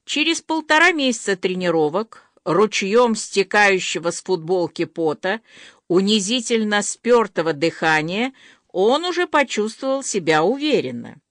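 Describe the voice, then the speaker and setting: A woman narrating a story with lively, animated intonation that rises and falls widely. Her voice is close and dry, with no room echo, at a middle pitch. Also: a little slow. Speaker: audiobook narrator. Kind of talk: expressive audiobook narration.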